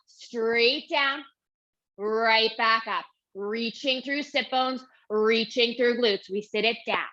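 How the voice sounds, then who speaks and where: Young female Pilates instructor, winded mid-workout, unhurried cueing, slightly high, lo-fi recording. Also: sharp tone. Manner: counts reps and cues moves while exercising. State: out of breath. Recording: dull lo-fi audio.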